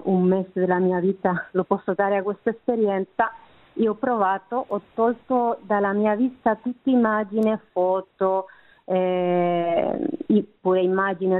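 An Italian-speaking woman gives a reflective personal testimony as a guest, searching for words, in narrow phone-like sound. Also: mid-range voice. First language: not Italian. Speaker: interview guest.

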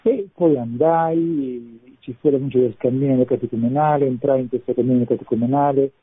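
Male priest calling into a radio show, heard over the phone; husky, tinny line, thoughtful and searching. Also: mid-range voice, fairly even intonation, moderate pace, dry recording. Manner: reflective, searching for words with small restarts. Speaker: parish priest phoning in as guest. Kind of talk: radio call-in testimony.

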